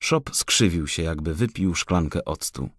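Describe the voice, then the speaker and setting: A man reading an audiobook for children in an expressive storytelling style, on a studio mic. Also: low voice, a little slow, husky, no echo. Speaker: audiobook narrator. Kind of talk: scripted audiobook narration.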